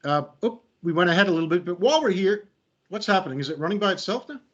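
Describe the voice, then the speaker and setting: A middle-aged American man with a high, animated voice talks at a quick pace as a creativity coach leading a webinar. He walks through his slides in a loose, conversational way, joking lightly about himself. The video call audio is slightly muffled.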